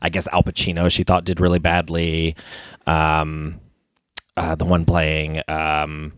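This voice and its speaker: A man with a low voice talks in a loose, casual chat. He hesitates often, reaching for words with "um" and restarting his sentences. The recording is close and dry. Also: monotone, unhurried, no echo. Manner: hesitant, many fillers and self-corrections.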